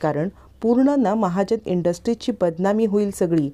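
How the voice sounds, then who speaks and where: A woman's voice: medium pitch, normal speed, warm tone, lightly acted. A woman voicing a scheming middle-aged woman of the house who talks in an anxious, accusing way.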